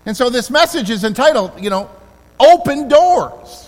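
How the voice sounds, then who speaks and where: A man preaching a sermon in a church, earnest and emphatic, slowing down to stress key words. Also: high voice, lively intonation, fairly bright tone. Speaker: pastor. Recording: long hall reverb.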